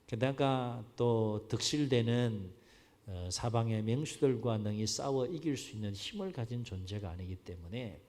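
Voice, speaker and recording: Preaching pastor with a lively voice. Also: male voice, medium pitch, measured pace, big-room sound. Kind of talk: sermon. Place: church sanctuary.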